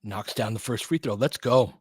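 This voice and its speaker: An informal man hosts a live basketball call on audio, alternating play-by-play with loose takes and openly pulling for his team. His voice is lowish and slightly rough, delivered at normal speed. The recording sounds close and dry.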